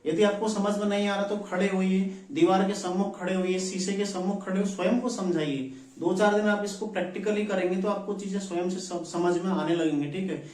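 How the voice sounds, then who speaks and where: A man's voice: sits high, fairly even intonation, fairly quick, darkish tone. A man teaching an exam coaching class, repeating each term and checking in with his students often. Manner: repeats terms, says "ठीक है" and "ध्यान रखिएगा" often. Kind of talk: classroom lecture. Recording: echoey room, far from the mic.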